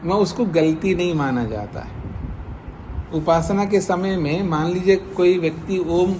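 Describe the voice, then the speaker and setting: A man teaching a classroom lecture on scripture, explaining slowly, repeating phrases and dictating meanings for students to write down. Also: high-pitched, mellow, slight background noise. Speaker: Vedic philosophy teacher.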